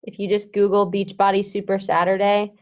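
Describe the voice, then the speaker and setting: A woman's voice: medium pitch, little pitch movement, fairly quick. Young woman, team coach, casual and rambling with lots of fillers. Lo-fi, muffled audio. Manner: chatty, heavy use of "like" and "um", hums filler sounds. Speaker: team coach leading a group call. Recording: dull lo-fi audio.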